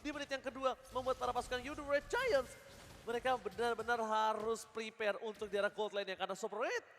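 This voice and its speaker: Indonesian man, high-pitched, rapid esports announcer, excitable play-by-play, long hall reverb. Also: a little hiss or hum. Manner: excitable fighting game announcer delivery, surging on big plays. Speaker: esports shoutcaster. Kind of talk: live mobile game play-by-play commentary.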